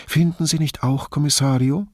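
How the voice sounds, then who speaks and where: A man's voice: medium pitch, animated, slow, slightly rough, no echo, clean studio sound, voice pushed up, exaggerated voice. A man reading aloud and voicing a theatrical woman who gushes with syrupy admiration. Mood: gushing.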